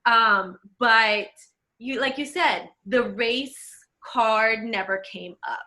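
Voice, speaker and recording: A woman from El Salvador talking casually with a friend on a podcast, animated and laughing often. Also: a little high, slow, a little hiss or hum. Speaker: podcast co-host. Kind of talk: casual conversation.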